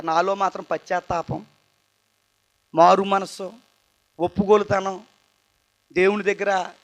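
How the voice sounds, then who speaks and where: A young man telling his personal testimony at a church youth meeting, tired and earnest, his voice moving between loud bursts and quiet asides. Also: a little high. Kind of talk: emotional testimony sermon.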